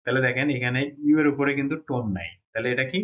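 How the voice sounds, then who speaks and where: A man's voice: medium pitch, steady tone, racing, fairly bright tone, muffled recording. Man teaching with constant check-ins. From Bangladesh. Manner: explains step by step, keeps checking in with "right?". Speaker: Chinese language teacher. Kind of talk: classroom lesson.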